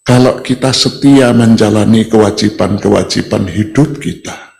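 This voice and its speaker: A retired pastor, giving a folksy sermon with self-deprecating humor. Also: male voice, fairly low pitch, moderate pace, vocal fry, darkish tone. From Indonesia. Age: 70s.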